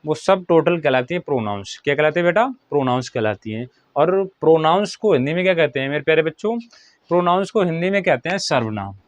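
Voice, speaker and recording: A man's voice: a little high, expressive, no echo. Man teaching a dictated grammar lesson. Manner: repeats questions and answers them himself, dictating slowly. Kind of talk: Hindi grammar lesson for children.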